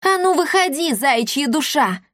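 Brief: woman playing a fierce scrappy orphan girl, pitched high, yelling threats, dry storybook read. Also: expressive, unhurried, dry recording. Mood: fierce, taunting. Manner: loud, threatening shouts.

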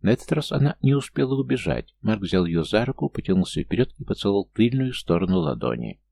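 A man narrating an audiobook in a steady storytelling manner. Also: lowish voice, quick pace, gravelly.

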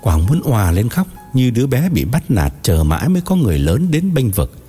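A man narrating an audiobook in an expressive, dramatic storytelling manner. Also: medium pitch, a little fast, breathy edge, soft background music.

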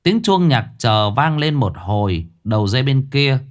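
A man narrating a ghost story in a dramatic, expressive way. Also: mid-range voice, moderate pace.

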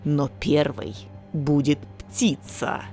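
A woman's voice: low voice, fairly even intonation, warm tone, soft background music, voice pushed down. Woman voicing a menacing possessed young man. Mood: sneering. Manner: slow menacing growl, maniacal. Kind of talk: audiobook character voice.

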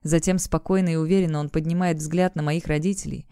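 A woman's voice: low-pitched, fairly even intonation, fast, smooth, no room sound, studio quality. A woman reading a romance novel aloud in the first person as an audiobook narrator. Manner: acts out the shouting parents and lovers in her own voice.

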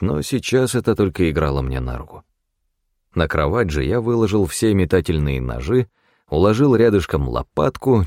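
A man narrating a first-person audiobook in a measured, expressive reading. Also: low voice, no echo, studio quality.

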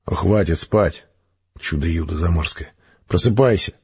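A man playing a gruff, dryly teasing male space major. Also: sits low, unhurried, a little mellow, highs cut off, pitched below the performer's own voice, full character voice.

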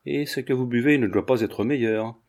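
A man reading a jaded young gentleman who speaks with ironic, exaggerated politeness. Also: medium pitch, moderate pace, natural voice. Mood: mock-gallant.

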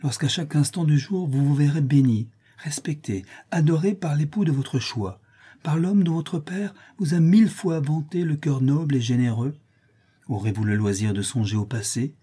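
Guy putting on a gentle noble lady, soothing, dark husky tone, audiobook. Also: a little high, moderate pace, voice pushed up. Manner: soothing, persuasive. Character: gentle, comforting noblewoman stepmother.

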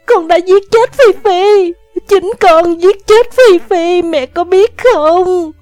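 A woman's voice: very high-pitched, takes it slowly, darkish tone, dry recording, faint music behind, voice pushed up. A woman voicing a feverish, grief-stricken teenager who sobs, screams and pleads in an audiobook. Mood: anguished. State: crying. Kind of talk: audiobook character voice.

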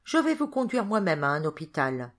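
A woman's voice: low voice, sing-song, moderate pace. A woman reading the part of a stout, kindly and self-important townsman who speaks with benevolent pride, in an audiobook. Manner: proud, benevolent.

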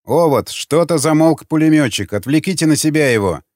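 A ruthless raider commander, voiced by a man in an audiobook, snapping out curt commands. The lively, somewhat high voice sounds dry and close. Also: brisk, no echo, natural voice. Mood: commanding. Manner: clipped barked commands.

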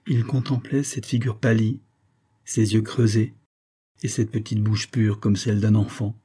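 A man reading a French novel aloud as the narrator, in a measured storytelling manner. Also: fairly low pitch, level tone, warm tone, breathy edge. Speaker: audiobook reader. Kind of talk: literary narration.

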